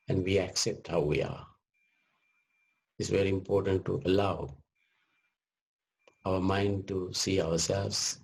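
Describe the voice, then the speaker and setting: A man with a low, creaky voice guides a meditation as a teacher. He speaks gently in short, measured phrases, leaving long pauses between them.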